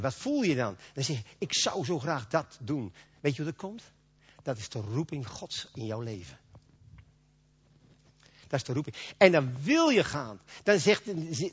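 A man delivers a folksy, conversational sermon, slipping into acted-out bits of dialogue. His voice sits high and swings widely in pitch, with a husky edge. The recording is dull and lo-fi. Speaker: preacher.

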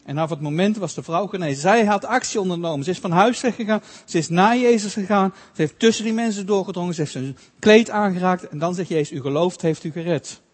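A man with a high voice preaching a sermon in a space with a long, echoing reverb. He speaks earnestly and haltingly, restarting phrases often and slowing down for quoted scripture.

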